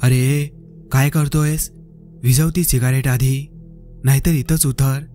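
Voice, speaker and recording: A terse, gruff middle-aged jeep driver, as a male narrator puts him on snaps out short answers in a mellow, low-key tone. Faint music hums behind the voice. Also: flat delivery, a little slow, lightly acted. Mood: alarmed, barking. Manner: terse, barks when alarmed.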